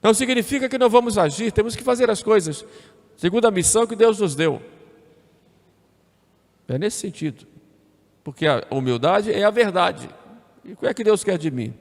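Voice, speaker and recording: Preaching priest with a gravelly voice, echoey church. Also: male voice, high voice, expressive, moderate pace, pauses often. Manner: conversational preaching with tag questions and repetition. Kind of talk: sermon. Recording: echoey church with long reverb.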